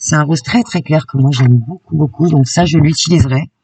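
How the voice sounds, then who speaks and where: A woman's voice: deep voice, brisk, a little mellow, slightly rough, no echo, recorded from a distance. A woman YouTuber chatting enthusiastically through a casual shopping haul vlog. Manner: chatty and enthusiastic, peppered with "hein". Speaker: craft YouTuber.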